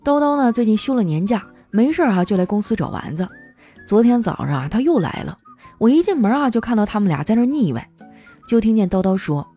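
Chatty woman telling office stories, mellow voice, bouncy pitch, faint music behind. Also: big pitch swings, fast. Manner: chatty, playful, acts out quoted coworkers. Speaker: host. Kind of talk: comic storytelling monologue.

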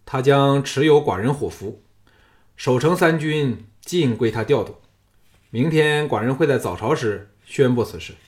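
A man voicing a young, proud and scheming king who is uneasy before his general, speaking in a raised, forceful voice in an audiobook. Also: mid-range voice, animated, unhurried, voice pushed up, natural voice.

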